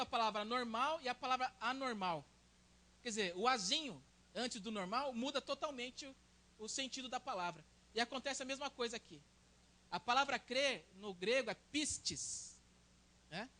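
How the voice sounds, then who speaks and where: A young man with a Brazilian Portuguese accent preaches a sermon. His voice sits very high and sounds bright and forceful. He talks like a friendly conversation and keeps checking in with "né?". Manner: conversational, tags sentences with "né?".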